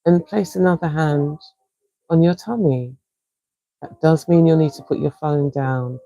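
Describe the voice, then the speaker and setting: A woman with a South London accent, a wellness coach leading a live-streamed guided breathing session in a slow, soothing, encouraging way. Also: low voice, warm tone, no echo, low-quality recording. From England.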